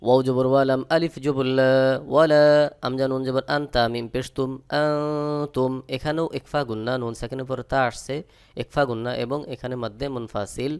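A man teaching a Quran reading lesson, spelling out each word letter by letter and chanting the verses slowly between plain explanations. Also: mid-range voice, steady tone, smooth. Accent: Bangladeshi Bengali.

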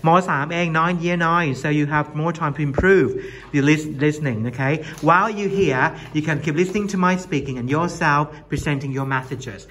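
A man with a Thai accent teaching an English class. His voice sits a little high, and he talks unhurriedly. He encourages the students warmly as he moves between English and Thai. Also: drawn-out words.

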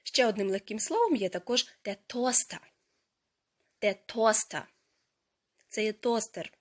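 Woman slowly teaching German vocabulary. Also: on the high side. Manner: slow, careful pronunciation of foreign words; explains grammar step by step. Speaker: language teacher. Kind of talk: teaching a lesson.

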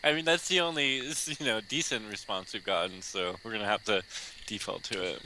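Here a let's play gamer, a man with a voice on the low side, talks briskly and sharply, dishing out crude, teasing banter in casual chat while playing an online game with friends. The low-quality recording carries faint noise, insects and game ambience.

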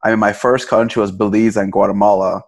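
A man's voice: lowish voice, level tone, fast talker. A young man from Cameroon, a podcast guest, talking casually in a loose, rambling way with many restarts. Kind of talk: casual interview.

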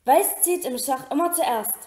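An urgent, commanding young boy wizard at a chess game, as a woman reads him aloud. He gives quick orders in a slightly raised voice, in a roomy-sounding storybook reading. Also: high voice, lively intonation, dark tone.

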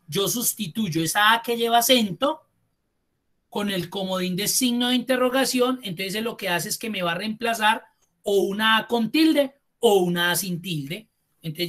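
A man's voice: sits high, pushed and bright. Man, spreadsheet instructor, live class, patient, step-by-step, thinking aloud. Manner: patient, step-by-step, addresses students with "usted"; thinks aloud, with restarts and drawn-out words. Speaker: Excel instructor. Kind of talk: live online class walkthrough.

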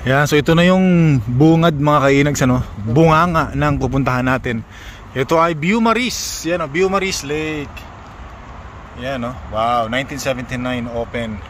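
A man's voice: mid-range voice, normal speed, slight background noise. A man talking casually to his viewers while walking outdoors by a lake, exclaiming often at the sights. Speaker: vlogger.

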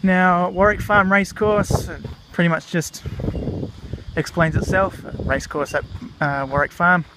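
A man's voice: high-pitched, a little slow. A man with an Australian accent hosting a casual vlog, talking chattily with fillers as he walks outdoors on an old railway platform. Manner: chatty, relaxed, with fillers and "righto". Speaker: vlog host. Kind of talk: casual walking vlog narration. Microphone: handheld camera mic while walking. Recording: outdoor camera audio with clear insect noise.

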